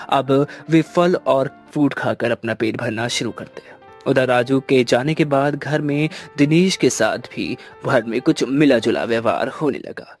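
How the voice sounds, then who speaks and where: Male storyteller, steady, faint music behind. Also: mid-range voice, measured pace. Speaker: narrator. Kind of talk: scripted storytelling narration.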